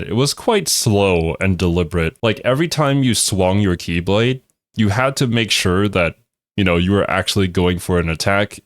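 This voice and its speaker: A man's voice: sits low, no room sound, studio quality. A man giving casual, unscripted reaction video commentary in a thoughtful, somewhat hesitant, musing way.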